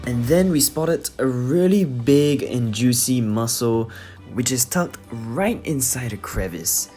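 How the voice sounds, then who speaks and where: Lively male narrator. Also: medium pitch, slow, soft background music. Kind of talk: scripted vlog narration.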